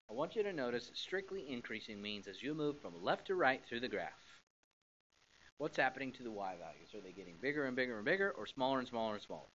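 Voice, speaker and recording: A male math teacher recording his lecture notes, animated and repeating phrases for emphasis while tired and yawning. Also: mid-range voice, slight background noise. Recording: dull lo-fi classroom recording.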